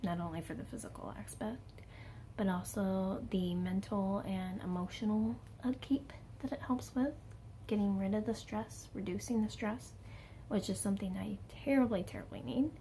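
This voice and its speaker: A woman's voice: mid-range voice, moderate pace, dark tone, slight background noise. A woman in her late twenties talking candidly in a casual personal vlog, chatty and self-mocking with plenty of fillers. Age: late 20s. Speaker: vlogger.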